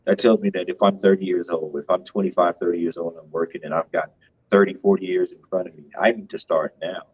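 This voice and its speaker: Husky low-voiced man, emphatic. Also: fairly even intonation, fast, dull audio. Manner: emphatic, tags points with "right?". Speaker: co-host of a finance show. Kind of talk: casual financial commentary.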